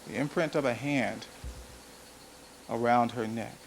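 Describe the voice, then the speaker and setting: Prosecutor, male, mid-range voice; slow, deliberate jury address with repeated phrases, in a hissy old courtroom recording. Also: medium pitch, creaky. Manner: measured, deliberate, emphatic repetition. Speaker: trial prosecutor. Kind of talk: courtroom opening statement. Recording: noisy archival courtroom audio.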